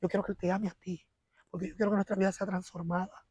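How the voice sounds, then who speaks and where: Woman telling her church testimony, animated, acts out the arguments, dry close sound. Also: medium pitch, fast talker, husky, no room sound. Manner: animated storytelling, acting out quarrels and prayers. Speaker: interview guest giving a testimony.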